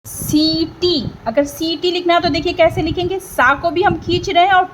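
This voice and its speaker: A woman teaching a beginners' writing lesson as host, speaking slowly and clearly and drawing out sounds to show them. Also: very high voice, fairly even intonation, a bit bright, a little hiss or hum. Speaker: Hindi teacher.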